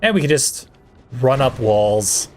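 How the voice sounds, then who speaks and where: A man's voice: mid-range voice, sing-song, unhurried, soft background music. A man giving casual, dryly sarcastic commentary as the host of a video game playthrough. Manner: dry, sarcastic wisecracking. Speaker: let's play host.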